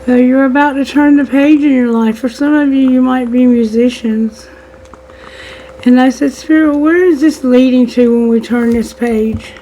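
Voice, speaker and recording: On her channel, a tarot reader speaks straight to her listeners as a collective, using spiritual wording and prayer, her high, steady, warm voice strained and fading at a normal speed. The audio is poor, with a little hiss or hum.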